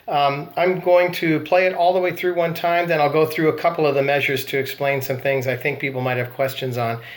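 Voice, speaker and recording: A man teaching a snare drum part, calmly explaining rudiments and counting off before he plays. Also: a little high, a little fast. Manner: calm, counting off and calling rudiments. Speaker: drum instructor. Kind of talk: instructional demonstration.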